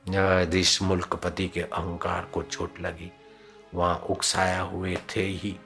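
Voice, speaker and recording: A man's voice: low-pitched, completely flat delivery, a little slow, fairly bright tone, soft background music. A man preaching at a devotional gathering, telling a story dramatically and acting out its voices.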